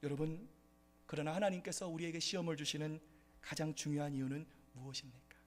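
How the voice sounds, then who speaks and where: A man's voice: fairly high pitch, steady tone, a little fast, faint music behind. A man preaching a sermon as pastor at a church service, addressing the congregation and rising into impassioned outbursts.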